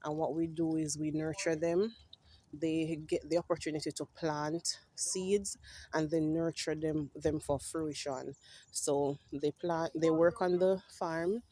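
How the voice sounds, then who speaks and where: Lady walking you through a greenhouse, low mellow voice, keeps saying right? all fired up about farming. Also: fairly even intonation, unhurried. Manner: passionate, often adds "right?"; clears her throat now and then. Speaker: farm project representative. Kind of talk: walking greenhouse tour talk. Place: inside a greenhouse.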